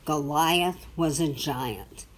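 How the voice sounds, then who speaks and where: A low-pitched woman reads a children's Bible storybook aloud to a young child, phrasing things simply and deliberately and asking the listener questions. There's slight background noise.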